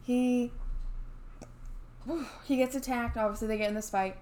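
A woman's voice: on the high side, steady tone, unhurried, a little mellow, slight background noise. Chatty woman telling a story casually. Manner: chatty, many fillers and restarts. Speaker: podcast co-host.

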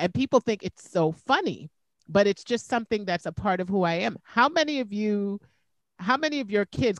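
A woman's voice: on the low side, no room sound. Woman podcast host, chatty and easygoing, dry voice on a video call. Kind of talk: casual chat.

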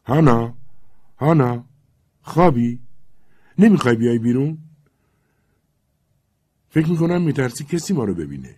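Storybook role: passionate young Cossack suitor, loud and coaxing, read by a male narrator. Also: mid-range voice, husky, dry recording, studio quality, voice pushed up. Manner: loud, eager pleading. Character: young Cossack man, ardent and teasing.

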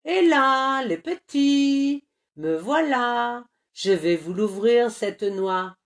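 A woman's voice: medium pitch, sing-song, takes it slowly. A woman voicing a sly, selfish male monkey who schemes and boasts, in a storybook reading. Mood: boastful.

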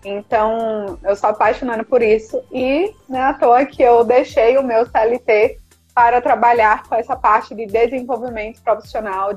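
Joining a podcast by video call, a Recife woman whose accent blends northeastern Brazilian Portuguese talks casually yet earnestly, with a motivational tone. Her slightly high voice has a darkish, somewhat rough quality, and the upper frequencies are cut off.

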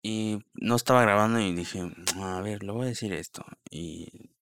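A man's voice: on the low side, normal speed, fairly bright tone, no echo, clean studio sound. A young man talking casually on his own podcast, rambling with many fillers and restarts. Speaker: podcast host. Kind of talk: casual solo podcast talk.

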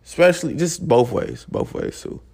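Loose, profane man with lively pitch. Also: normal speed, vocal fry, husky. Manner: loose, profane, rambling with restarts. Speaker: podcast host. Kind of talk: casual solo podcast talk. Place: at home.

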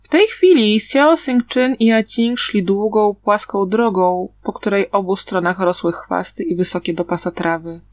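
A woman's voice: medium pitch, normal speed, few pauses, dry recording. Woman with a dry, close narrating voice. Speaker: audiobook narrator. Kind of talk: storybook narration.

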